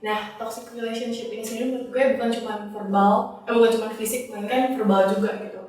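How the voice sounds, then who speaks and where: A woman's voice: fairly high pitch, steady tone, fast, a little mellow, very echoey, far from the mic, faint music behind. A woman of twenty-one, a university student, gives her opinion casually, explaining her reasoning step by step.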